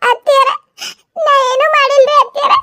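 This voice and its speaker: A sulky young wife, put on by a woman, squeals her protests in a piercingly high voice. She speaks with a North Karnataka Kannada accent and never stops whining about her innocence. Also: little pitch movement, normal speed, pushed and bright. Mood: protesting. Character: shrill pushy young wife Nidhi, sulky and whiny.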